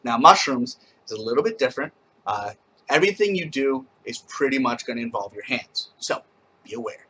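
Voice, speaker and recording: A man casually teaching a camp skit at home, explaining each step and then breaking into loud, rising call-and-response chanting. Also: medium pitch, expressive, fairly quick, breathy edge, highs cut off.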